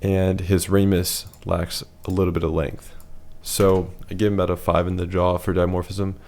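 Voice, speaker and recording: Male presenter with a deep, hoarse voice, for a plain analytical voice-over. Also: little pitch movement, normal speed, darkish tone. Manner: matter-of-fact, rating things one by one. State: losing his voice.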